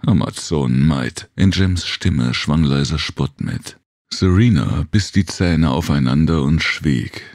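A man reading a science fiction audiobook in measured scripted narration. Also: extremely low pitch, gravelly, a little mellow, no room sound, clean studio sound. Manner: measured storytelling.

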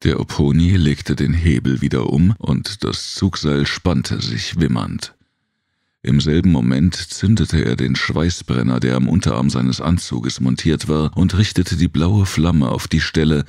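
A man reading a science fiction audiobook in measured scripted narration. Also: very deep voice, creaky, darkish tone, no echo, clean studio sound. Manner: measured storytelling.

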